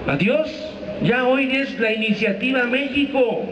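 A man's voice: very high-pitched, animated, measured pace, noisy background. A middle-aged man with a Mexican accent giving a combative, crude protest speech from an outdoor stage, talking into a handheld mic. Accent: Mexican Spanish. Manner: combative, crude, calls the crowd comrades. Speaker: union leader giving a rally speech. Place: outdoor stage at a street rally. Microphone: handheld mic through a PA, filmed from the crowd. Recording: distant, echoey, muffled amateur video of a PA.

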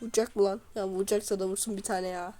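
A woman giving live commentary over her own gameplay, excitably cheering and scolding the units on screen. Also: medium pitch, fast talker, soft background music, poor audio. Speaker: gamer.

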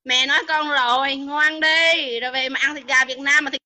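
Scolding high-voiced woman, bright tone. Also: fairly even intonation, moderate pace. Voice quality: scolding, taunting, repeats questions. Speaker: livestream host. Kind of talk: heated livestream arguing with commenters.

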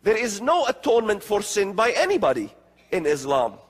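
Middle-aged guy from the middle east preaching on stage, kinda high voice, big hall echo. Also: wildly swooping pitch, husky. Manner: slow emphatic delivery with gestures. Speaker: conference speaker. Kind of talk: prophecy conference lecture. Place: large hall with seated audience. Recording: long hall reverb.

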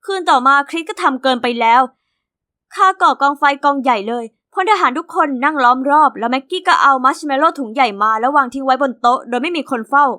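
Woman doing a high, fast-talking teen girl, cheeky animated storyteller. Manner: lively, cheeky first-person storytelling. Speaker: narrator of an animated diary story.

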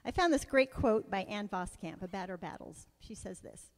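A woman's voice: medium pitch, animated, normal speed, in a large hall. A woman leading worship in church, making casual, joking announcements to the congregation.

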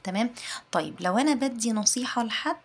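Creaky-voiced Egyptian woman teaching grammar. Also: a little high, lively intonation, a little hiss or hum. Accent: Egyptian Arabic. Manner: patient, repeats English examples slowly. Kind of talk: explaining a grammar lesson.

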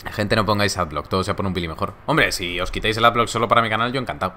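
A man's voice: fairly low pitch, rapid-fire, pushed and bright, a little hiss or hum. Joking young man streaming. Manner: laid-back, joking, laughs often. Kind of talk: casual live-stream chat reading viewer comments.

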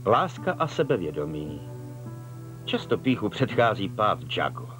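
Husky, stern older man with a lively delivery. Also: on the low side, music in the background. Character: stern older man warning a couple, cryptic. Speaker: dubbing actor. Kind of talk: dubbed telenovela acting.

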